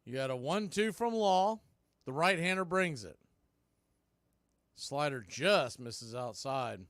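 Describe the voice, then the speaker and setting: A man, a baseball play-by-play announcer and show host, calls a live radio game pitch by pitch in a slightly high voice for a man, recorded dry and close with no room sound. He speaks in clipped phrases with short asides between pitches, his intonation lively and his tone a bit bright, yet he takes it slowly.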